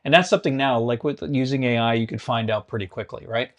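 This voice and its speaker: A man's voice: medium pitch, fast. A middle-aged man co-hosting a casual podcast. He talks in an easygoing way and steers the talk with prompts. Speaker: co-host.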